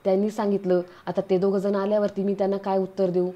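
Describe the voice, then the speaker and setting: A woman voicing a calm, witty older man who gives joking advice. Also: mid-range voice, quick pace, muffled recording, natural voice.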